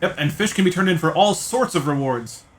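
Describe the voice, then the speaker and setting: High-pitched and animated, this man talks fairly quickly while hosting a visual novel playthrough on stream. He keeps things casual and playful, naming viewers in chat as he responds to them, over background game music.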